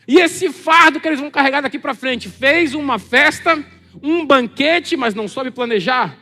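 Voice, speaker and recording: Brazilian male preacher, high and sharp-toned, animated sermon delivery, reverberant hall. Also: moderate pace. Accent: Brazilian Portuguese. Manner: animated, acts out quoted voices. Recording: long hall reverb with faint music.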